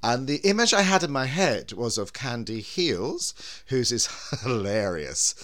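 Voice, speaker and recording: A camp male podcast host with a theatrical drag-performer flair. His mid-range voice swings widely in pitch and keeps the talk animated. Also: measured pace. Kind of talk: theatrical show introduction and casual chat.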